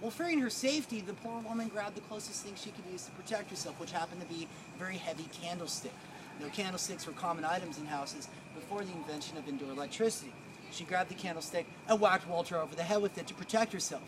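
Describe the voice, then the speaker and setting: Male tour guide, high voice, theatrical and colloquial storyteller, recorded outdoors with clear traffic noise. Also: fast talker. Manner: colloquial, wry, acts out dialogue. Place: outdoors on a city street.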